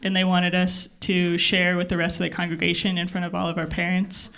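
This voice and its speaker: A woman performing stand-up comedy stories in a deadpan, halting way, with pauses, to a laughing live audience. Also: lowish voice, vocal fry. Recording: loud noise of audience laughter. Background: crowd laughter.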